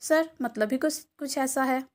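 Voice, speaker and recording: A woman's voice: sits high, measured pace. A woman voicing a nervous young male assistant who stammers and flusters before his boss.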